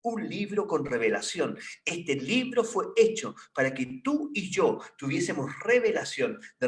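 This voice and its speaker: A man's voice: on the high side, reverberant, far from the mic. A man preaching a sermon in a conversational way, often asking his listeners questions.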